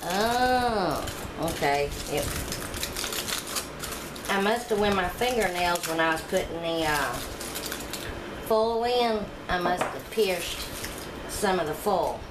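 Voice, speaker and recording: While demonstrating baking at home, a woman who vlogs about cooking talks to her viewers in a chatty, homey manner. She speaks slowly with long pauses, in a lowish voice with lively intonation. The recording picks up echo and background noise from the kitchen.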